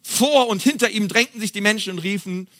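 A male pastor giving a lively sermon, reading scripture aloud and talking directly to the congregation in a conversational way. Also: high-pitched, a little fast. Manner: reads scripture aloud and then comments on it.

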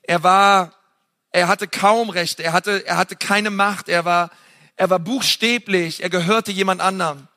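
A man preaching with a high, bright voice. He gets animated and climbs higher to stress his points, with some fillers between them. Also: unhurried. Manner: animated, rising in pitch for emphasis, with fillers. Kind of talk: sermon.

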